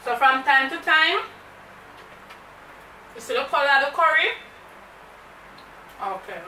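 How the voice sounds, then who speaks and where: A woman's voice: high voice, expressive, measured pace, pushed and bright. A woman with a Jamaican accent hosting a mukbang vlog, chatting to camera and slipping into patois. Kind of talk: casual chat to camera. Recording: echoey room, mic far off, faint noise.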